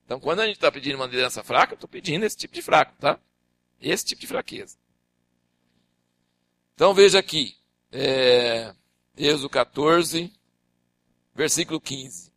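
An older man preaching a sermon, teaching from the Bible and acting out the figures' dialogue in raised, animated voices. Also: fairly high pitch, normal speed, long pauses, no room sound.

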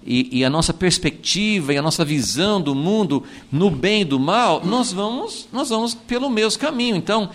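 A man with a Brazilian accent teaching from the Bible in a conversational way, animated, acting out quotes and often adding "né". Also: high voice, moderate pace, few pauses. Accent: Brazilian Portuguese. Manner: animated, acts out quotes, frequent "né" fillers.

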